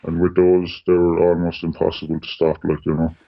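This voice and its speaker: A man's voice: monotone, fairly quick, creaky. A man speaking as an anonymous radio interview guest through a voice-disguising distortion filter, in a plain matter-of-fact way. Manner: plain, matter-of-fact, frequent "like" and "you know". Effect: voice disguised by a distortion filter, deep. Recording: dull lo-fi sound.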